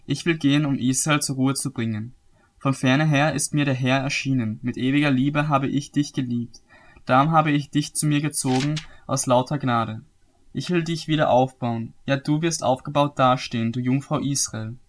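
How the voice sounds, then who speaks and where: Man reading scripture aloud. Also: mid-range voice. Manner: steady, measured reading with occasional slips and self-corrections. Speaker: Bible reader.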